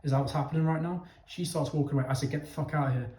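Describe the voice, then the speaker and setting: A young man with a voice on the high side talks very fast, with fairly even intonation and a mellow tone, giving his viewers a casual opinion monologue. He's blunt, emphatic and sweary, speaking to listeners directly and repeatedly checking in with "okay?". The recording is echoey and roomy, with a little hiss or hum.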